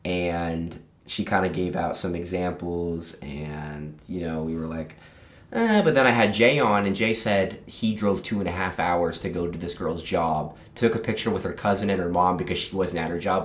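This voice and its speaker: A man's voice: low-pitched, steady tone, normal speed, roomy sound. A young man hosting a podcast, talking bluntly and loosely in casual chat, swearing now and then. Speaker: podcast host.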